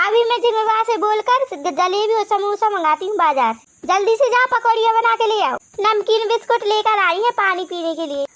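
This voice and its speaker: A woman voicing a sharp-tongued, nagging older mother-in-law in a cartoon. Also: very high-pitched, normal speed, hardly any pauses. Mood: scolding. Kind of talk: cartoon voice acting.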